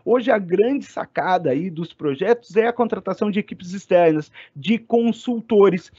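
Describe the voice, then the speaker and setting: A man giving an online class lecture, talking fast and animated and getting loud when excited. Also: high voice, no echo. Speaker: university lecturer. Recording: dry, slightly muffled sound.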